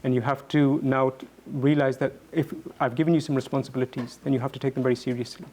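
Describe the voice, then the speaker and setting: A man speaking reflectively as a guest answering questions, earnest and halting, often repeating words as he goes. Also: mid-range voice, flat delivery, darkish tone, a little hiss or hum.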